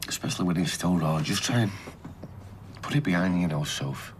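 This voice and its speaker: An actor playing a weary peacemaker in a TV soap, trying to calm things. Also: male voice, deep voice, a little fast, slight background noise. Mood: placating. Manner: placating. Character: calming, weary peacemaker man. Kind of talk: television soap drama.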